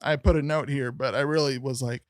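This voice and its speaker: A man's voice: medium pitch, fairly even intonation, fairly quick, no echo, clean studio sound. A young man co-hosting a casual album review podcast, rambling with lots of "um" and "like" fillers. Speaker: podcast co-host.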